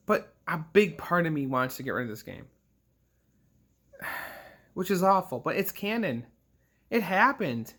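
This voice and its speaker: Worked-up young man with bright voice. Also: fairly high pitch. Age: 20s. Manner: rambling, emotional, swears often, frequent restarts and sighs. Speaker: gaming vlogger. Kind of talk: casual rant to camera.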